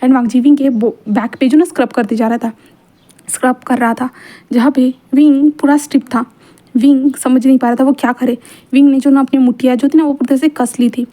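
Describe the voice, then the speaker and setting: A woman narrates a fan fiction story in a chatty, rambling way. Her voice sits high with a soft, dark tone. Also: fairly even intonation, a little fast. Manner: chatty, loose narration with fillers. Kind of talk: casual reading of fan fiction.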